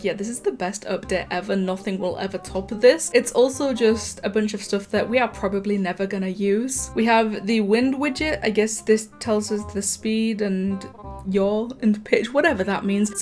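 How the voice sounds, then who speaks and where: A woman hosting a gaming channel, chatting casually with wry, mock-hyped joking over a close mic. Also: mid-range voice.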